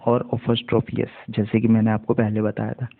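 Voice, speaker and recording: A man's voice: on the low side, monotone, moderate pace, gravelly. A man with an Indian English accent teaching English reading, spelling each word letter by letter and then repeating it. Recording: tinny phone-like audio.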